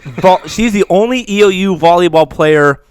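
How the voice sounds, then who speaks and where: A man's voice: sits high, clear, resonant tone, no room sound. Struggling man, mouth burning from spicy food. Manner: halting, stammering. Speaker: sports editor, guest. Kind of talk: casual sports talk.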